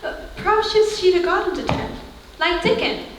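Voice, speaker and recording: A woman's voice: very high-pitched, steady tone, normal speed, noisy background. A woman playing a kindly Yorkshire mother. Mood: motherly. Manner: warm, motherly dialect. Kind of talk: live stage acting. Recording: echoey theater, mic far off.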